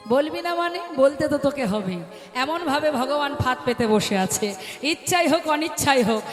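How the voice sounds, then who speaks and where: Woman kirtan preacher, high voice, sing-songy sermon, keeps asking the crowd stuff, big echoey hall, faint music behind. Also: animated, moderate pace. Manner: sing-song preaching, asks the audience questions, calls out "hari bol". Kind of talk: devotional sermon to a live gathering.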